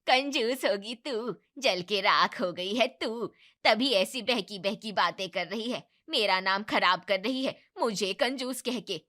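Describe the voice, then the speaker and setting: A woman's voice: medium pitch, measured pace, sharp tone. A woman voicing a taunting, quarrelsome neighbour. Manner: taunting and defensive. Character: boastful, quarrelsome neighbour woman, proud of her dowry. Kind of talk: animated family drama voice acting.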